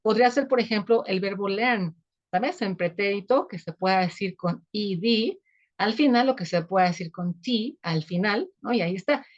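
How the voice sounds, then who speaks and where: Teacher, female, Mexican accent, mid-pitched. Lectures patiently, keeps checking in with the student. Slightly muffled lo-fi audio. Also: expressive, moderate pace. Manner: explanatory, constant tag questions to the student. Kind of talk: online sociolinguistics lecture.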